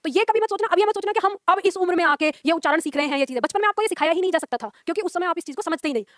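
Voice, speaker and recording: Fast, high-voiced woman teaching Hindi. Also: animated, fairly bright tone, no room sound, studio quality. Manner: patient, repeats points, drills sounds aloud. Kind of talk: classroom lesson on pronunciation.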